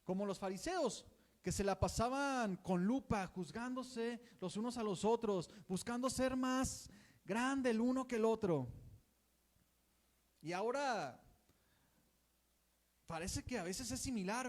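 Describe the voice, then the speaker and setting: A man's voice: extremely high pitch, unhurried, long pauses. A man with a Mexican Spanish accent preaching a conversational sermon and acting out the voices of gossiping churchgoers.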